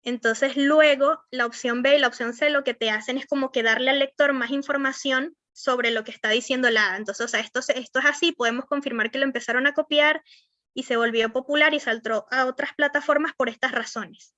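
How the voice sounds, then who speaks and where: A woman's voice: high voice, steady tone, a little fast, pushed and bright, no echo, lo-fi sound. Rambling young Venezuelan woman teacher. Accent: Venezuelan Spanish. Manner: rambling, many fillers like "o sea" and "este"; checks in often with students. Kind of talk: online class on verbal skills.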